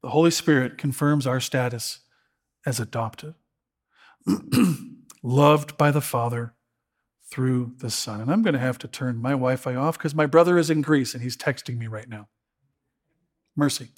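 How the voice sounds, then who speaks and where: A man's voice: mid-range voice, unhurried, long pauses. A middle-aged man preaching a sermon as pastor, earnest and emotional, often restarting his words.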